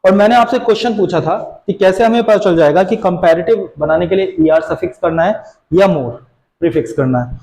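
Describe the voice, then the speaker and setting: A teacher with a high, mellow voice walks students through grammar rules, often asking a question and then answering it himself. His voice carries the echo of a bare room. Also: fairly quick. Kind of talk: classroom grammar lesson.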